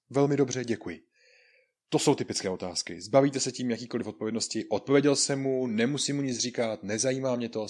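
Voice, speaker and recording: A man teaching an online Spanish lesson to beginners, explaining patiently, repeating phrases, and acting out greetings in a raised, lively voice. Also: lowish voice. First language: Czech.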